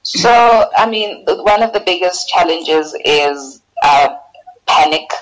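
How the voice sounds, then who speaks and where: A woman's voice: low voice, slow. A woman answering interview questions conversationally as a podcast guest. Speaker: guest, social media manager. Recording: dull lo-fi remote call audio.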